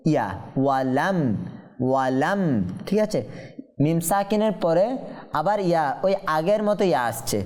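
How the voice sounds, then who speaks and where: A man's voice: high-pitched, lively intonation, a little mellow. Patient man teaching recitation. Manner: patient, explains step by step and often checks understanding; draws out Quranic verses in slow melodic chant. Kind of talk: tajweed lesson with chanted recitation.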